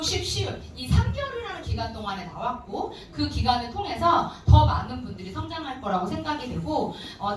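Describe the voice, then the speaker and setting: A woman's voice: high voice, noisy background. A woman giving a motivational business lecture who often puts questions straight to her audience. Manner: animated, addresses audience directly with questions. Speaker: business seminar speaker. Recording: echoey hall from far off with music.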